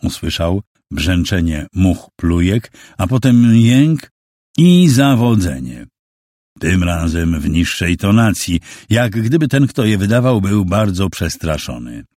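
Male audiobook narrator, very deep and lively, dramatic reading, dry close sound. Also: slow, dry recording.

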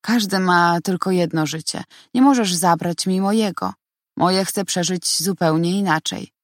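A man's voice: sits high, unhurried, dry recording, studio quality. Woman reading as a cold, detached young man. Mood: icy. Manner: flat, icy and firm. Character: cold, detached young male fiancé, a lecturer. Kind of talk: audiobook character reading.

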